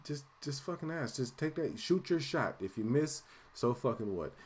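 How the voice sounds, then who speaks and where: A man's voice: mid-range voice, lively intonation, normal speed, breathy edge. A man in his late twenties co-hosting a podcast, chatting casually and cursing, rambling with lots of fillers. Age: late 20s. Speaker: podcast co-host. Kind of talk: casual chat.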